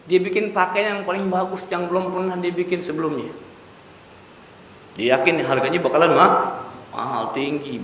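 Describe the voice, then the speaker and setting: A male preacher, giving a lively storytelling sermon and acting out dialogue. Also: on the high side, a little hiss or hum. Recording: echoey hall with long reverb.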